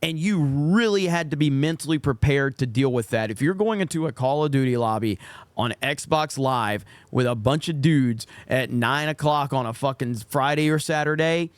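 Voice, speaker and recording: A man's voice: on the high side, clear, resonant tone, no echo. A man giving casual, opinionated commentary on gaming clips in a blunt, sarcastic, sweary manner.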